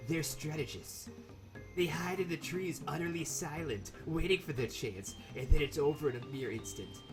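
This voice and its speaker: A man voicing a sophisticated American woman photographer with an American accent, reading journal entries from a game in a measured, prim way. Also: a little high, close to an everyday voice.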